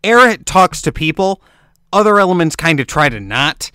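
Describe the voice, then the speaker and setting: Young male teacher, casual and rambling, smooth clear voice, dry close sound. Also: fairly high pitch, sing-song, normal speed, sharp tone, no room sound. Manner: rambling, informal, swears casually, stresses points by repetition. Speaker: amateur occult teacher. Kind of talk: casual explanatory lecture.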